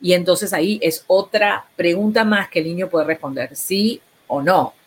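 A woman's voice: fairly low pitch, husky. Patient woman explaining speech therapy. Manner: patient, instructive, slow deliberate examples.

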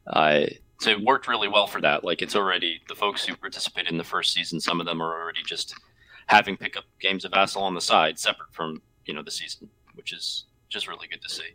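Bright, forceful, deep-voiced man chatting. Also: fast, low-quality recording. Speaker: podcast co-host. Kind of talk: casual chat.

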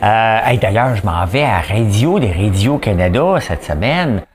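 A man's voice: lowish voice, expressive, a little slow. A man with a Quebec French accent talking to the camera in a rambling, joking, self-mocking way. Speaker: vlogger. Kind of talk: casual solo commentary to camera. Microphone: camera mic.

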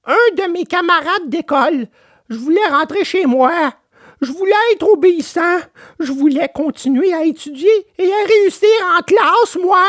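A woman's voice: very high voice, lively intonation, normal speed, no room sound, studio quality. A woman voicing a remorseful wooden puppet boy who pleads and sobs. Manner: pleading, sobbing. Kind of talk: storybook drama.

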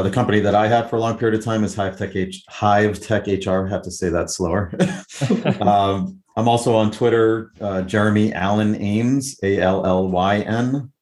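A man with a lowish voice who is a guest on a podcast interview. He talks loosely and rambles, leaning on fillers like "uh" and "like" and restarting his sentences. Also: darkish tone. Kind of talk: casual interview chat.

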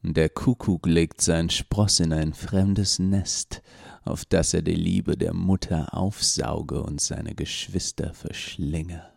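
A man voicing a masked male gatekeeper who speaks through a door hatch in a deep, rough voice with slow, cryptic chanting. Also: steady tone, a little mellow, no echo, studio quality, heavily acted. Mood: solemn. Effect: voice muffled through a door.

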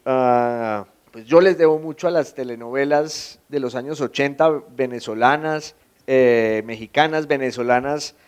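A man with a Colombian accent, a writer talking in conversation, halting and repeating words, making wry asides. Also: mid-range voice, clean tone. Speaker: writer, guest. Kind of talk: conversational discussion.

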